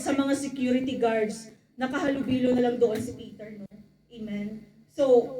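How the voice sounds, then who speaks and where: A woman preaches a sermon, switching between English and Filipino and pausing for amens from the congregation. Her voice sits high, and she raises it further when she acts out quoted exchanges. The sound carries the echo of a large room. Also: warm tone.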